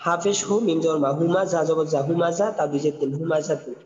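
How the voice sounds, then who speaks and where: A man teaching a Quran recitation lesson, spelling out words syllable by syllable in slow drills, recorded with dull, lo-fi sound and a long reverb. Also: on the high side, a little mellow, a little hiss or hum.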